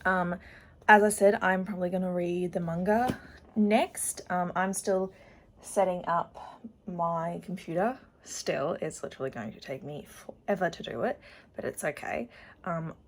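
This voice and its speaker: A woman's voice: lowish voice, measured pace. Chatty young woman vlogging. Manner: chatty and rambling, with frequent ums and likes. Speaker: book vlogger. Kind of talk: casual reading vlog chat. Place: at home. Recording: noisy home recording.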